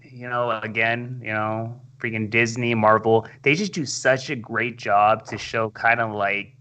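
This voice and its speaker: A man's voice: medium pitch, fairly even intonation, measured pace, bright, forceful tone. A man co-hosting a comics podcast, talking with casual enthusiasm and calling his friends "bro" and "man". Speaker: podcast co-host. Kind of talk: casual chat about comics and movies.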